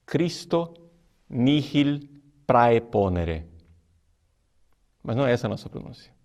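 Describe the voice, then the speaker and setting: A man preaching as a priest, earnest and emphatic, slowing down to stress key words. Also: mid-range voice, gravelly, a little mellow. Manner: earnest, emphatic teaching with slow deliberate stresses. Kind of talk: sermon.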